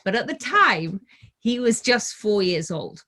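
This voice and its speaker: A middle-aged woman, a guest children's author, chats casually with young listeners and then reads aloud from her picture book. Her mid-range voice is sing-song, pushed and bright, and she keeps a measured pace.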